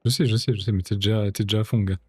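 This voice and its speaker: Low-voiced man narrating his gameplay. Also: fairly even intonation, very fast, a little mellow, husky, soft background music. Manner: chatty, thinks aloud, mutters to himself while playing. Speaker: gaming streamer. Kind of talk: casual let's-play commentary.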